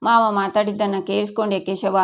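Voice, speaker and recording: A woman's voice: medium pitch, little pitch movement, a little fast, lightly acted. A woman voicing a tearful young daughter-in-law who speaks in a wounded, complaining way. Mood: hurt.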